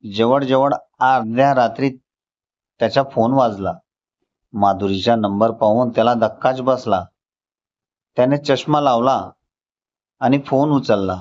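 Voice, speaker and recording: A man narrating a scripted story in a calm, measured reading. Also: mid-range voice. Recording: slightly dull lo-fi recording.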